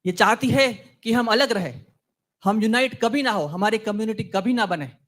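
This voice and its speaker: A man's voice: sits high, moderate pace, a bit bright. A man playing a talkative young content writer on a date in a scripted comedy sketch, preachy and fawning.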